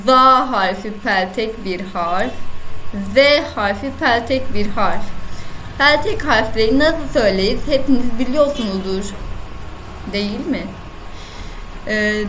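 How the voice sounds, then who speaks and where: A woman with a Turkish accent gives a recorded online lesson through her computer mic. She speaks slowly in a fairly high voice, repeating each sound with patient care, and a faint noise hums under her. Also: a bit bright, low-quality recording. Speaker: Arabic teacher. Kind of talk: online lesson, screen-share.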